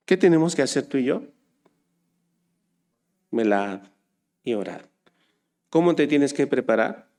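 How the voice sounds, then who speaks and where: A man preaching a sermon, swinging from soft low asides to loud, urgent exhortation. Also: animated, unhurried, long pauses.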